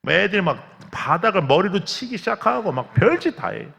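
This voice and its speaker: A man's gravelly voice carries a revival sermon through a church sanctuary with a long reverb. He preaches as a pastor, acting out quotes and cries as he tells his stories. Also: high-pitched, fairly quick. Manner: animated storytelling, acts out quotes and cries.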